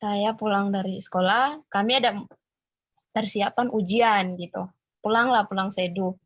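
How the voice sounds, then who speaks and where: Young woman caller from Sumba, mid-pitched, casual story, muffled lo-fi call audio. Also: unhurried. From Sumba, Indonesia. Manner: storytelling with many fillers. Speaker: caller sharing a testimony. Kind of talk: casual spoken testimony.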